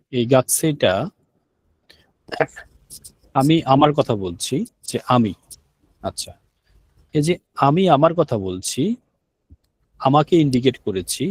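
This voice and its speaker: A man's voice: medium pitch, a little mellow, slightly rough. A man teaching an online language class, explaining step by step and asking his students questions. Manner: explains step by step, asks the students questions and repeats key words.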